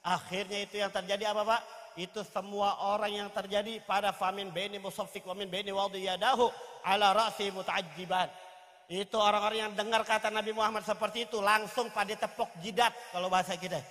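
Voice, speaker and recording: A man's voice: high voice, little pitch movement, fairly quick, bright, forceful tone. A male preacher telling a religious story dramatically at a gathering, speaking straight to his audience. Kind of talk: sermon storytelling. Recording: reverberant hall sound.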